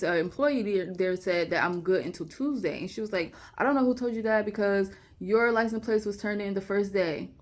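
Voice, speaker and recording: A young woman, telling a personal story to camera and acting out phone calls in lively retellings. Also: mid-range voice. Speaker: vlogger.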